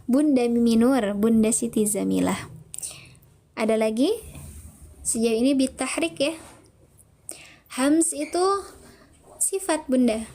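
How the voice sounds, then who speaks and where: A woman's voice: on the high side, takes it slowly, long pauses, dark tone. A woman teaching Quran recitation in an online lesson, patiently explaining step by step and reading out viewers' answers. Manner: patient, explains step by step, reads chat names aloud.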